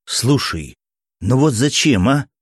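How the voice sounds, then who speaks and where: A man's voice: medium pitch, expressive, slow pace, husky, no echo, clean studio sound, pitched above the performer's own voice. A man doing an exasperated doctor.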